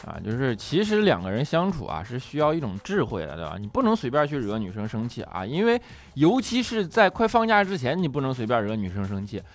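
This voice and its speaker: A man hosting a comedy show, telling jokes in a mocking, animated monologue with many rhetorical asides. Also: medium pitch, brisk, hardly any pauses, soft background music. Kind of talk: scripted comic monologue.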